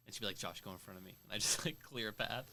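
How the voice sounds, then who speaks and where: A young man chatting on a podcast with a lowish voice and a rapid delivery. He is brash, laughs often and sometimes talks loud and fast. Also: a little hiss or hum. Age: young adult. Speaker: podcast co-host. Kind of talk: casual chat.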